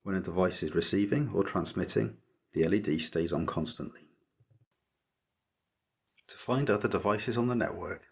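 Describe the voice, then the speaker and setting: This scripted electronics tutorial is delivered by a maker whose low voice has a creaky, very husky, breathy-rough quality rather than a smooth one. He lays out every step methodically, keeping a measured, explanatory tone.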